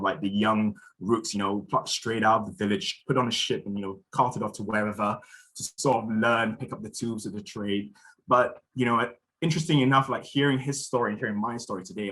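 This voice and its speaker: A young man from Malaysia chairs a symposium and gives its opening talk. His voice sits a little low, and he speaks thoughtfully, pausing on fillers and restarting his sentences. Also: fairly bright tone, poor audio. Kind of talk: spoken conference introduction.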